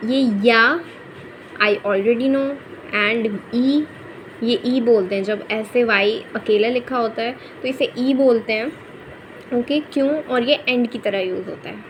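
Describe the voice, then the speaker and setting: A woman's voice: fairly high pitch, slow pace, slight background noise, poor audio. A woman teaching a Spanish pronunciation lesson in Hindi, repeating each example word patiently and saying "okay" often.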